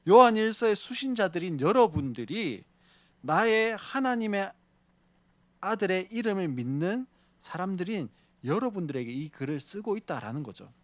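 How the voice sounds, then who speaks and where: Male pastor, sermon delivery; pitch sits a touch high, swings widely, close and dry sound. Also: moderate pace, no room sound. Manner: lively preaching, often poses questions to the congregation; tells a story to illustrate his point.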